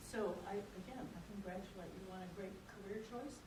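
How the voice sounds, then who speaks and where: Fast-talking older woman in an echoey room. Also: medium pitch. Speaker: program faculty speaker. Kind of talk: informal orientation talk. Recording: distant mic, echoey room, noisy.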